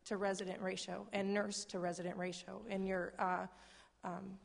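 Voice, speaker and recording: A woman with a croaky voice making an earnest, challenging spontaneous comment as an audience member at a talk. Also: medium pitch, flat delivery, moderate pace. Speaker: audience member asking a question; healthcare worker. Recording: echoey hall, long reverb.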